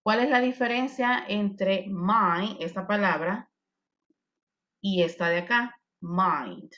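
A woman's voice: mid-range voice, a bit bright, dull audio. Patient Spanish-speaking woman teaching English. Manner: patient, repeats examples slowly and clearly. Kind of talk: online class explaining grammar.

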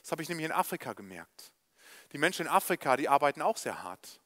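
High-voiced man preaching with stories. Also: quick pace. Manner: animated storytelling, direct address to listeners. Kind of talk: evangelistic sermon storytelling. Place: church.

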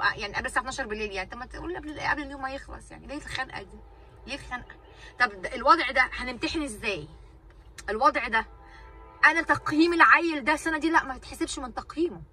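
Woman, Egyptian Arabic accent, exasperated mother venting to camera, slightly high voice, somewhat distant mic. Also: pushed and bright, a little hiss or hum. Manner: exasperated, ranting, repeats herself for emphasis. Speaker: vlogger and mother.

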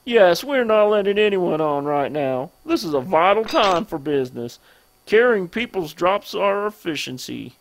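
A let's-play narrator voicing a smug, gluttonous male merchant villain in a put-on Southern accent, slow and oily. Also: mid-range voice, big pitch swings, slight background noise.

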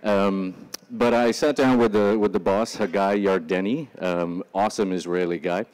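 Brief: man in his forties, casual and profane stage speaker, very low voice. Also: steady tone, normal speed, a little mellow. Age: 40s. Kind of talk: casual motivational talk. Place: stage before a live audience.

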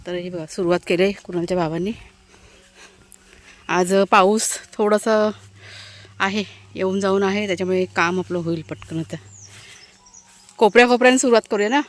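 A woman family vlogger chatting casually to her viewers while she works outdoors in a village garden, talking fondly to her dogs, recorded on a handheld phone. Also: mid-range voice.

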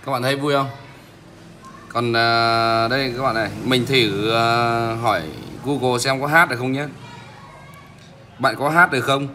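Male phone-demo host, casual, halting delivery, bright tone, slight noise behind. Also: medium pitch, fairly even intonation. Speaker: tech vlogger, host. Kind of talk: casual phone app demonstration.

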